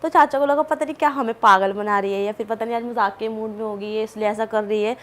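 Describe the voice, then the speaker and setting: Chatty woman guest with a slightly high voice, telling a story in a loose, animated way. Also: quick pace. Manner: chatty, animated, full of asides and fillers. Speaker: podcast guest. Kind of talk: casual storytelling.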